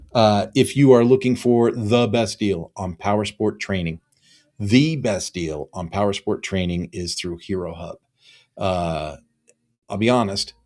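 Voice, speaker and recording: Man in his fifties, low-pitched, earnest, repeats himself for emphasis, solo consultant talk. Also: darkish tone. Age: 50s. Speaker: business consultant and trainer. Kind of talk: solo promotional talk to camera.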